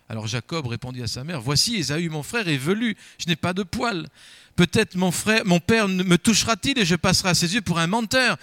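A man's voice: on the high side, pushed and bright, dry recording. A man preaching in French, first reading a Bible passage aloud and then explaining it with emphatic, rising and falling delivery and frequent repeated words.

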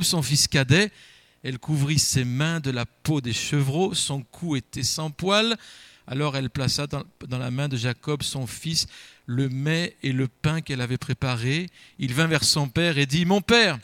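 A man's voice: fairly high pitch, fairly bright tone, dry recording. A man preaching in French, first reading a Bible passage aloud and then explaining it with emphatic, rising and falling delivery and frequent repeated words.

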